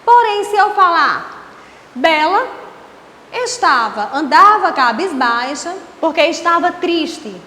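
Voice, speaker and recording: A Brazilian woman teacher giving an online class, explaining slowly and asking rhetorical questions. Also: very high voice, very animated, sharp tone. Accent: Brazilian Portuguese. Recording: echoey room with faint hiss.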